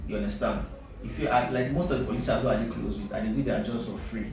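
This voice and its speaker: A man's voice: mid-range voice, steady tone, fast, loud music behind the voice. A man with a Nigerian accent talking in an interview, mixing English and Nigerian Pidgin and often checking that he is understood. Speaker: company CEO, interview guest. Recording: very echoey, distant mic, noisy.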